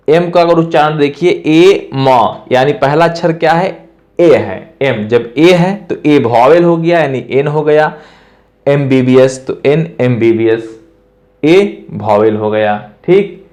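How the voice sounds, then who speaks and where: Brief: male teacher, slightly high voice, slow, patient, repeats himself, checks understanding. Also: animated, darkish tone. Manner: patient, repeats points, asks "clear?". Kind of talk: grammar lesson explaining step by step.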